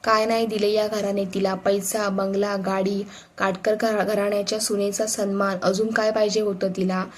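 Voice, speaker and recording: A scornful older uncle in a read-aloud story, as a woman narrator puts him on, scolding with contempt. The voice stays flat, with little rise and fall, and never leaves the storyteller's own tone. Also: medium pitch, moderate pace, natural voice. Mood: angry scorn. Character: angry domineering older uncle, a man.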